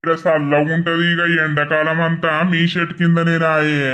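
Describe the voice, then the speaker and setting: A woman's voice: deep voice, level tone, normal speed, a bit bright, highs cut off. A woman voicing an idle village man who grumbles and gossips about the neighbors. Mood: gossipy.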